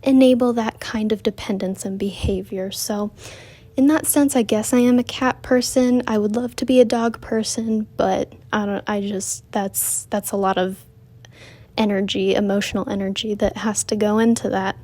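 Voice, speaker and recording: An art vlogger narrates her drawing process in a casual voice-over, out of breath since she's walking as she talks. Her mid-range, warm voice moves at normal speed with fairly even intonation, and she chats and rambles, often correcting herself.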